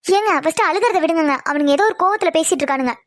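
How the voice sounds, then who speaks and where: A woman voicing the wife and mother in an animated family drama, speaking in a pleading, soothing way. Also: very high-pitched, very fast. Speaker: cartoon voice artist voicing the women of the family.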